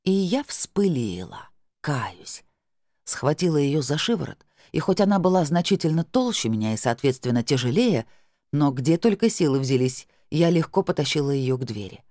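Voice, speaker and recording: An expressive audiobook narrator telling a first-person story and acting out the dialogue. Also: medium pitch, brisk, no room sound, clean studio sound.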